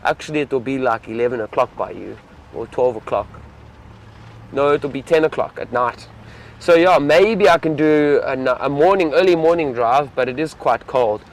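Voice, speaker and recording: A man's voice: mid-range voice, normal speed. A young man, a safari field guide, chatting casually and enthusiastically to live-stream viewers from an open vehicle outdoors.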